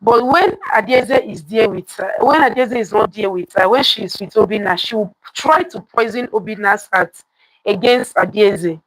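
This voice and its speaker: A woman with a mid-range voice tells a folktale live to her viewers, speaking at a moderate pace. As the host, she repeats lines for emphasis and asks her listeners questions. The recording is dry and the audio quality is poor.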